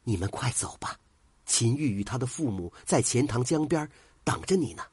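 A man voicing a calm, wise middle-aged woman who speaks quietly and evenly. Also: mid-range voice, moderate pace, husky, dry recording.

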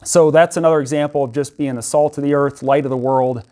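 A young man preaching in a loose, conversational way, telling stories from his week and often restarting his sentences. His voice sits at a middle pitch for a man. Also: steady tone, fast talker, warm tone. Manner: conversational, storytelling, many restarts. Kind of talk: informal sermon.

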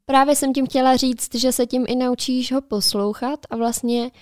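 A woman's voice: high voice, steady tone, no echo, clean studio sound. A woman co-hosting a casual podcast, talking in a chatty, reflective way and giving advice. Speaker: podcast co-host. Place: studio.

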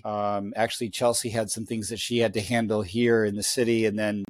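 A man in his fifties telling a long story as a podcast guest, halting and rambling with many restarts. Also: lowish voice, level tone, no echo. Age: 50s. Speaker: guest athlete.

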